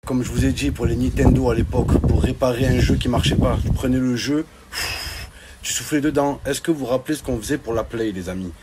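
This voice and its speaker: A man whose voice is mid-range and a little fast tells comedic stories in casual slang, sounding exclamatory and playfully indignant. He's an online comedian, and noise is clearly audible behind him.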